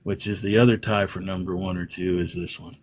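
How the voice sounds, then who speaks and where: A man's voice: low-pitched, fairly even intonation, a little fast. A man being interviewed about his livestream room, explaining things at length in a casual, rambling way. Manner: rambling explanations, frequent restarts. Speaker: livestream room owner, guest.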